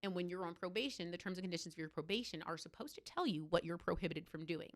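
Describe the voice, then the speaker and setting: A woman's voice: fairly low pitch, quick pace. A woman, a former judge, speaking as an interview guest and telling her story in an impassioned, emphatic way. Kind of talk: candid interview talk.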